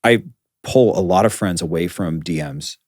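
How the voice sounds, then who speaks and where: A deep-voiced man speaking as a podcast guest, thoughtful and measured as he lays out his views in casual talk. His voice sounds dry and close, with no room echo. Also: a little mellow. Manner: reflective, measured opinions. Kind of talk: casual conversation.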